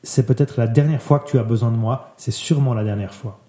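A man reading a literary text aloud in a soft, measured way, letting his voice drop quieter at the ends of phrases. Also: mid-range voice. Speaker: reader. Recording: roomy echo.

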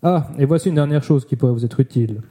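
A man reading the part of a hurried boss giving friendly advice in an audiobook, brisk and chatty. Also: medium pitch, mellow, natural voice.

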